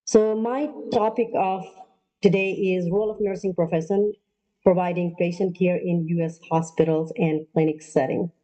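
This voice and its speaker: A woman from Nepal giving an online lecture as a nurse practitioner, pausing often with ums and uhs. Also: fairly low pitch, fairly even intonation, mellow, dull audio. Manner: halting, many ums and uhs. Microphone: video call.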